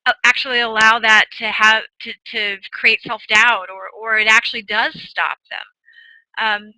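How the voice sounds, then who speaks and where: A woman's voice: on the high side, steady tone, a little slow, no echo, rough recording. A woman hosting an interview, asking long, encouraging questions in a casual chat. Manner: warm-hearted, encouraging, long rambling questions. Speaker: interview host, mother.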